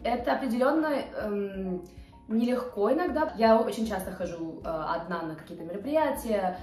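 A vlogger of twenty-eight chats casually from her couch at home, hesitating often, leaning on fillers and gesturing as she speaks. Her medium-pitched voice is expressive and a little mellow at a moderate pace. Captured by a camera a few feet off, the sound is roomy with faint music behind it.

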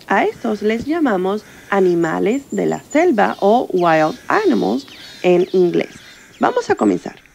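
A woman's voice: mid-range voice, creaky, noisy background. A woman teacher giving a bilingual vocabulary lesson for children, drawing out each word for the class to repeat. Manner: slow, drawn-out words for repetition.

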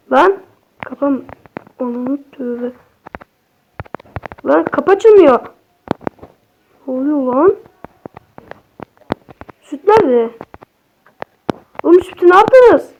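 A young woman, a native Turkish speaker, gives excitable, chatty horror game commentary to her viewers, cursing at the game as she plays. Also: sits high, takes it slowly, pauses often, highs cut off, slight background noise. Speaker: gaming streamer.

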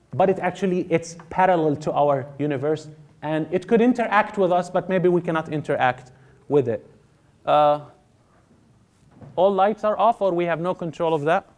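A man giving a live religious seminar talk to an audience, animated and fond of mimicking doubters in exaggerated tones. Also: high voice, normal speed. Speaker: religious lecturer.

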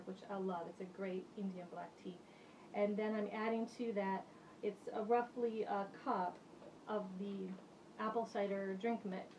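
A woman's voice: mid-range voice, a little mellow. A woman in her forties talks through a tea blend in her home kitchen, chatty and explanatory as she works. The camera sits a few feet off, so her voice sounds a touch distant. A faint room noise runs underneath. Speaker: host of a witchcraft kitchen show. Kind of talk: casual how-to vlog. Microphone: camera mic from a few feet away.

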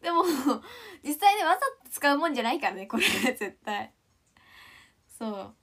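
Giggly young woman, lively pitch. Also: moderate pace. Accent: mostly standard Japanese with Kansai touches. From Ishikawa, Japan. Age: 20s. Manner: chatty, giggly, reads viewer comments aloud. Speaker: livestreamer. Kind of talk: casual livestream chat.

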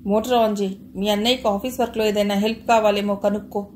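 Woman voicing a brisk caring elder sister. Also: medium pitch, little pitch movement, slight background noise, lightly acted. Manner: brisk, scolding yet affectionate.

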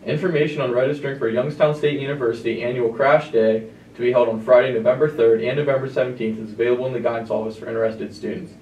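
Give me a fast-talking young man reading announcements over a loudspeaker. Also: mid-range voice, steady tone, reverberant, far from the mic, a little hiss or hum, low-quality recording. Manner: brisk, matter-of-fact reading. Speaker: student announcer. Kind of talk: reading morning school announcements.

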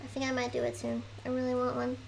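A woman's voice: high-pitched, completely flat delivery, fast, creaky, a little hiss or hum, poor audio. A young woman chatting casually on a livestream, rambling and eating as she talks.

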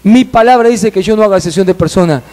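A man preaching who voices Jesus as a grave, sorrowful judge, speaking slowly, solemnly and firmly. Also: high-pitched, a little mellow, lightly acted. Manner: solemn, slow, firm.

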